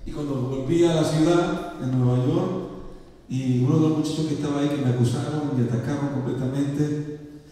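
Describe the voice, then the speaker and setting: A man's voice: fairly high pitch, steady tone, a little fast, mellow. A male pastor preaching a sermon to his congregation, asking them for amens and acting out the voices in his story. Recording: echoey hall, voice from far off.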